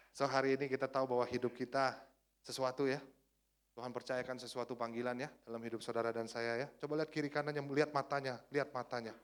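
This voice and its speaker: A man preaching a sermon as a pastor, energetic and swinging between hushed and shouted lines. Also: mid-range voice, fairly quick.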